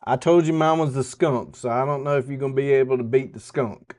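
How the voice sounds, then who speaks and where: A man's voice: mid-range voice, steady tone, fairly quick, a little mellow. A man with a Southern US accent hosting a podcast, chatting casually in a folksy, colloquial way. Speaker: podcast host.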